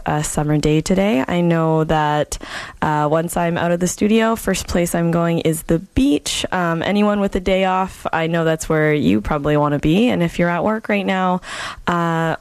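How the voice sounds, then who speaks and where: A woman hosting a radio show casually, in an informal way with frequent hesitant pauses. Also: fairly low pitch, gravelly, a little mellow, clean tone, dry recording. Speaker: radio host filling in on a music show. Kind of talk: casual radio show presenting and event listings.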